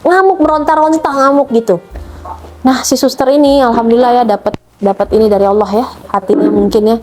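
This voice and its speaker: A woman's voice: fairly even intonation, fairly quick, a little mellow. A middle-aged woman telling a personal testimony about her child, emotionally retelling events and acting out the dialogue. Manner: emotional retelling, acts out dialogue with rising pitch. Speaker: mother telling her conversion story.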